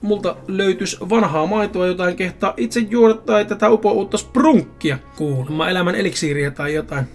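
A man's voice: sits high, hardly any pauses, faint music behind. A man voicing a chatty, joking male kiosk seller listing his snacks, in a spoken story. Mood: cheerful. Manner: chatty, joking salesman patter.

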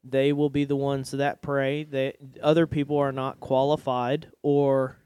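A man's voice: medium pitch, level tone, a little slow, mellow, clear, resonant tone. A man in his thirties hosting a casual faith podcast from a basement studio, laughing often and explaining at length. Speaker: podcast host.

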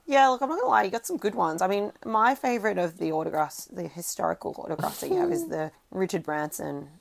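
A woman co-hosting a casual podcast, chatty and quick to interject, with some swearing. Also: mid-range voice, sing-song, gravelly. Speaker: podcast co-host. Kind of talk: casual chat.

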